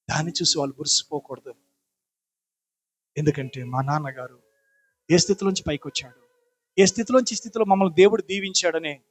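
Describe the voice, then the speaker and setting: A man's voice: on the high side, rough recording. Impassioned male pastor preaching. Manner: impassioned preaching, swelling to loud repeated pleas. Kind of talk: sermon and prayer. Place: church.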